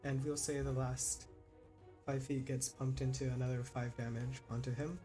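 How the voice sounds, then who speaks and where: A man narrating and ruling as game master of a tabletop game, in a relaxed, easygoing manner. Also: mid-range voice, normal speed, soft background music.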